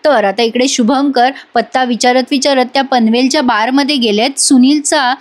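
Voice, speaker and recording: A woman's voice: high-pitched, normal speed. A woman narrating a chatty storytelling recap of a TV serial and speaking straight to her viewers. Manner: chatty retelling that addresses the viewers directly.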